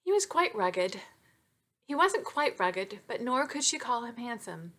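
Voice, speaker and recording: A woman's voice: on the high side, sing-song, unhurried, a bit bright. A woman author, chatty and self-deprecating, reading from her own romance novel into a webcam. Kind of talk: chatty intro then novel reading aloud.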